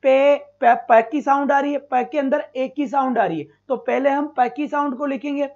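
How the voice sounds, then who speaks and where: A male teacher runs a live online exam-prep class, calling students "beta" and repeating sounds slowly. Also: very high voice, darkish tone. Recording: dull lo-fi stream.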